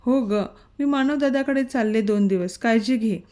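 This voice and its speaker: A woman voicing a caring young wife who fusses softly over her family. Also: a little high, normal speed, natural voice. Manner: soft, fussing.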